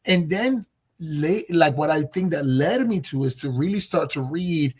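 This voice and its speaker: A man's voice: on the high side, expressive, unhurried, breathy edge. A man from Colombia, a guest on a video call, telling his story in a reflective, casual way with many fillers and restarts.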